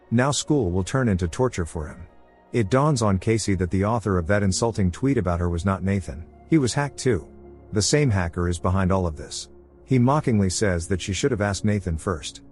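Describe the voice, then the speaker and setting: A man narrating a film recap in a steady, scripted storytelling voice. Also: deep voice. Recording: narration with faint music underneath. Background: soft background music.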